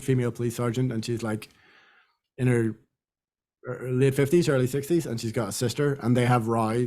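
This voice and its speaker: A young British man co-hosts a podcast in casual chat, rambling with lots of fillers. His voice is mid-range and a little mellow.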